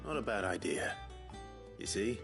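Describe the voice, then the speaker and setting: A man playing a calm, courteous guardian and mentor in a fantasy drama, speaking in a measured, gently instructive and formal way. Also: lowish voice, music in the background. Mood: patient, instructive. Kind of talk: scripted fantasy drama acting.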